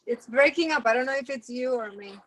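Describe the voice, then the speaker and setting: A woman's voice: fairly high pitch, a little fast, a bit bright, dry recording, rough recording. Woman on a breaking-up video call. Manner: short hesitant answers. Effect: video call audio breaking up. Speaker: real estate agent on a call. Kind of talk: casual call-in replies.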